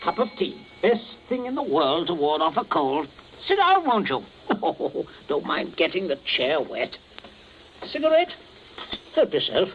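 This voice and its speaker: Smooth menacing dad, old radio play, voice bounces up and down, muffled old broadcast. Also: male voice, high-pitched, very animated, a little slow, exaggerated voice. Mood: falsely jovial. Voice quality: suave, coldly jovial. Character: scheming, menacing middle-aged father with gun. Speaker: radio drama actor. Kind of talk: 1940s radio acting. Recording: dull old radio recording, faint hiss.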